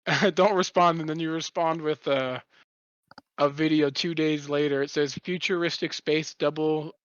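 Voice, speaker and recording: A young man chats on a podcast, telling a long, rambling story with plenty of swearing. His voice sits a bit high. The recording is dry and a little muffled. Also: fairly even intonation, normal speed, a bit bright, clear, resonant tone, dry recording. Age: young adult. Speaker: podcast co-host. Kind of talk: casual podcast chat.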